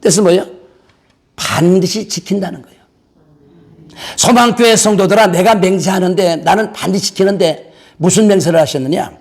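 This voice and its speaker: A pastor with a very high, gravelly voice preaches to his congregation. His delivery is fervent and folksy, with playful asides dropped between exhortations. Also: fairly quick, a little mellow. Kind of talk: Pentecostal-style sermon. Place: church sanctuary.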